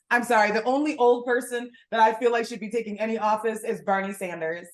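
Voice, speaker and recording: A woman's voice: on the high side, fairly even intonation, brisk, reverberant. A woman co-hosting a casual podcast, talking bluntly and animatedly and swearing freely. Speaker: podcast co-host. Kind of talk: casual chat.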